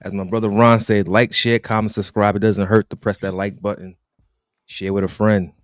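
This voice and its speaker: Male co-host, lowish voice, dry close sound, emphatic. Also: level tone, normal speed, no echo. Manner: emphatic, repeats calls to action. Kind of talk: casual talk show hosting.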